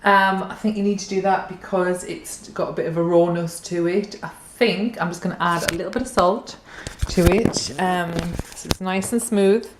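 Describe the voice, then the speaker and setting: A woman's voice: on the low side, steady tone, moderate pace, hardly any pauses, noisy background. A British woman vlogging her cooking in a chatty, homely way, correcting herself as she goes. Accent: British English. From Britain. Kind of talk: casual cooking vlog.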